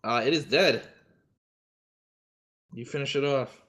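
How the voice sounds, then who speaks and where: A man's voice: medium pitch, slow, fairly bright tone. Casual game master man. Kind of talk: narrating a tabletop game.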